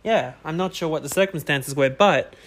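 A man's voice: on the high side, moderate pace. Joking man co-hosting a film podcast. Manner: joking, swears casually. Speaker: podcast co-host. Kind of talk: casual film recap chat.

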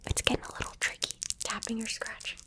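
A woman whispering a playful ASMR role-play, coaxing the listener with gentle repeated instructions. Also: quick pace. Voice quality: soft whisper. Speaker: ASMR creator.

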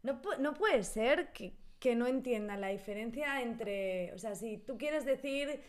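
A woman with an accent from Spain, chatting casually about learning languages, lively and emphatic, often asking rhetorical questions. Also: a little high, unhurried. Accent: Spain Spanish. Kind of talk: casual conversation.

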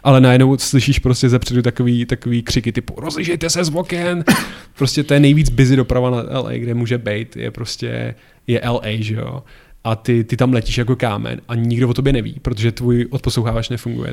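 A man casually telling a story as a guest, animated, acting out shouted quotes with many fillers and restarts. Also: mid-range voice, gravelly.

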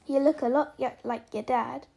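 A woman reading aloud and voicing a huge, shaggy male giant who talks in a rough, homely way and is gruff but kind. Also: high-pitched, steady tone, moderate pace, dark tone, heavily acted. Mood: friendly.

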